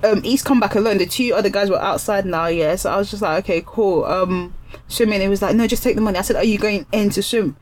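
A woman's voice: mid-range voice, brisk, slight background noise. A young woman co-hosting a podcast, telling a story in casual chat and acting out each line of dialogue. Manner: animated storyteller, acts out dialogue in quotes. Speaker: podcast co-host.

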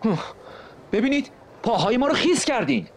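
A man's voice: very high voice, sing-song. A man voicing a frail, pale young husband who protests earnestly and formally. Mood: indignant.

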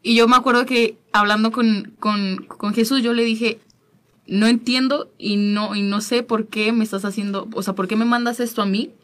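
A woman, guest on a talk show, telling a personal faith story in an earnest, halting way, often repeating her words. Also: a little high, steady tone, a bit bright.

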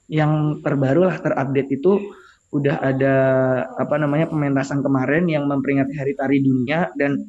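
A young man chatting casually as a guest on a podcast, playful and quick to laugh. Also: mid-range voice, fairly even intonation, a little mellow, highs cut off.

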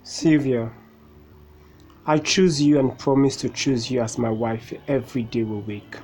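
A man's voice: very high-pitched, very animated, a little fast. A man playing a domineering husband who berates his wife in repetitive rants, with faint music behind. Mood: tender. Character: domineering, ranting young husband.

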